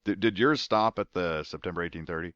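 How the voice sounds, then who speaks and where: A man co-hosting a comedic podcast, joking sarcastically and reading scripture verses slowly with mock solemnity. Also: low voice, fairly bright tone, dry recording, dull audio.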